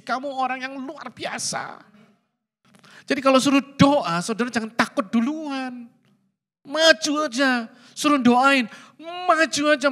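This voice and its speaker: A middle-aged man delivers a sermon. His voice sits high and swings widely, and he mixes in English phrases and chuckles at his own jokes. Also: fairly bright tone. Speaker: pastor.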